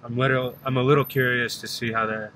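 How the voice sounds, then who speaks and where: A man in his thirties talking casually to a phone camera from inside a car, relaxed and thinking aloud with fillers. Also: medium pitch, fast talker, a little hiss or hum. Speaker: vlogger. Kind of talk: casual vlog talk to camera. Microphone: phone held at arm's length.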